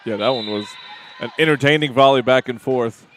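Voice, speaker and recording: A man adding color commentary to a volleyball broadcast, relaxed and agreeable as he breaks down plays. His voice sits in a middle pitch, with faint background noise on the recording. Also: fairly quick. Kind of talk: sports commentary.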